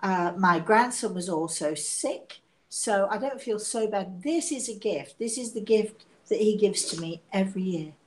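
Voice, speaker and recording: Hoarse and coughing from being sick, a woman in her sixties chats unhurriedly at a medium pitch while hosting her live psychic medium show. She laughs a lot and pokes fun at herself during the casual stream, filmed in her living room on a device camera at arm's length.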